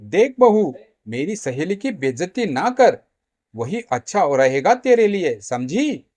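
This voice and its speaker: A man's voice: a little high, big pitch swings, takes it slowly, darkish tone, no echo, full character voice. A man playing a spiteful old mother-in-law. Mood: threatening. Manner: scolding, disgusted.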